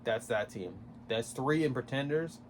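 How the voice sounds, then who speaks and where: A man's voice: mid-range voice, unhurried, a little hiss or hum. A man vlogging about basketball, rambling casually, swearing and correcting himself as he goes. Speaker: basketball YouTuber. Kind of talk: casual sports commentary vlog.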